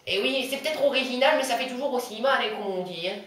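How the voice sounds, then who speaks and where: A man's voice: very high-pitched, fast talker, a bit bright, distant mic, a little hiss or hum. A man playing an earnest Québécois writer in a comedy sketch, with a put-on Québécois accent, hesitant and repeating his words. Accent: put-on Québécois French. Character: male Québécois writer, earnest, rambling, touchy. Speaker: studio guest. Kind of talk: amateur comedy sketch acting. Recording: echoey room, voice off-mic.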